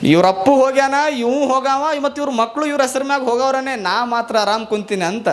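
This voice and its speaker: A man's voice: extremely high pitch, normal speed, fairly bright tone, voice pushed up. A man voicing a boastful talking bond paper document in a sermon parable, mocking and gloating, with a North Karnataka Kannada accent.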